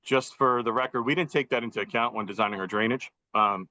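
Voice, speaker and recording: Speaking fast in a mid-range voice that is bright and forceful, an engineer methodically guides a public meeting through a site plan. He's joining by video call on bad Wi-Fi, giving a formal presentation. The computer audio is dull, lo-fi and dry, with no echo.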